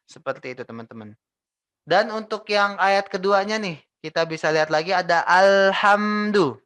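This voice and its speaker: A young man teaching Quran recitation, patiently repeating and modelling each syllable slowly. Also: on the high side, a bit bright, no echo. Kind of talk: tajweed lesson with recited examples.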